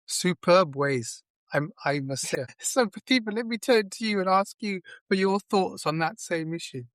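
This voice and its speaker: Middle-aged male host, unhurried and deliberate, recorded dry and close. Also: high-pitched, a bit bright, no room sound. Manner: measured, listing phrases one by one. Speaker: host, arbitration lawyer. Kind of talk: podcast interview.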